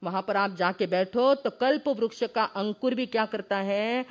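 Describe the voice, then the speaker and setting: A woman's voice: mid-range voice, measured pace, muffled recording. A woman giving a Jain devotional discourse, explaining verses and asking her listeners questions. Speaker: Jain religious teacher.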